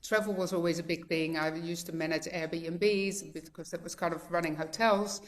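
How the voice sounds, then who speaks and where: On a video call, a Dutch woman in her fifties talks about her own life as a guest speaker, chatty and heartfelt, with many fillers. She has a mixed Dutch accent and a lowish voice, keeping a steady tone at normal speed.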